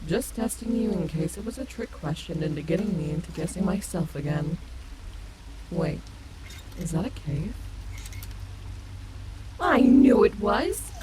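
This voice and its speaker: A woman's voice: fairly low pitch, sing-song, unhurried, long pauses, very noisy. A woman voicing a confident, playful animatronic wolf, cocky and teasing yet tender, in an audio roleplay. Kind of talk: ASMR audio roleplay, companionable acting.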